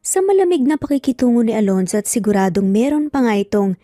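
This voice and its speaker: A woman with a Filipino accent tells a scripted romance story in dramatic storytelling fashion, her warm, fairly high voice very animated and fast. The sound is clean, studio-like, yet carries a roomy echo, with faint music playing behind her.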